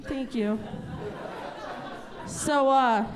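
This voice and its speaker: Drawing out her words in a high-pitched voice, a stand-up comic talks over a noisy crowd. Her live set is chatty and self-mocking, full of loud character bits, and the venue audience responds with laughter.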